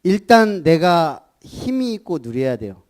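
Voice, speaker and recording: Animated high-voiced preaching man. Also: measured pace. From Gunsan, Jeolla, South Korea. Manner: animated preaching, calls for repetition, rhetorical questions. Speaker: pastor. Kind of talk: sermon.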